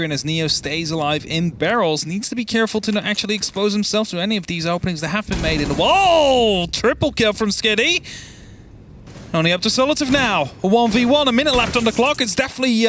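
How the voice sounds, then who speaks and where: A man giving excited esports commentary as a match caster. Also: high voice, fairly quick, noisy background.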